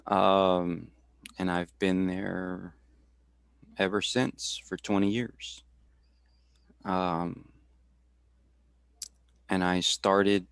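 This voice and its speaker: Slow, gravelly-voiced man telling his story. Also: low voice, no room sound, clean studio sound. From Texas. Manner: halting, many fillers and restarts. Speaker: guest speaker. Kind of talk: casual career talk.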